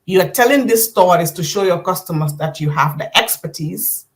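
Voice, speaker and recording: A woman's voice: lowish voice, animated, moderate pace. A woman business coach teaching a live online class, talking conversationally, addressing listeners directly and giving step-by-step instructions.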